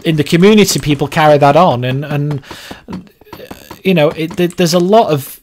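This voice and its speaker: A man chatting casually during a livestream, rambling from topic to topic with quick laughs. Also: a little high, a little hiss or hum. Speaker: streamer.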